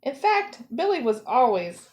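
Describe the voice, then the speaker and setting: A zoo educator working as a storyteller reads a children's picture book aloud, phrasing things expressively. Her voice is slightly high, and she moves slowly, laying out every phrase carefully for young listeners.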